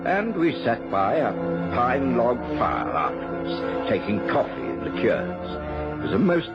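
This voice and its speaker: An actor playing a genial, hearty, modest middle-aged English gentleman doctor in mid-century British radio drama. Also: medium pitch, wildly swooping pitch, unhurried, over loud music. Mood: warm narration. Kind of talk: 1950s-60s BBC radio drama, dialogue and narration. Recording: muffled old radio recording.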